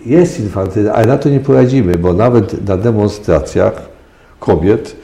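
Deep-voiced older man lecturing emphatically. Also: moderate pace, gravelly, mellow, echoey room. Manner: lecturing, emphatic, with frequent hesitations. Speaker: sexologist guest. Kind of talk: radio interview answers.

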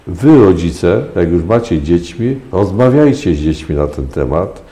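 Deep-voiced older man lecturing emphatically. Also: expressive, unhurried, dark tone, echoey room. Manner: lecturing, emphatic, with frequent hesitations. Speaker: sexologist guest. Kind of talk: radio interview answers.

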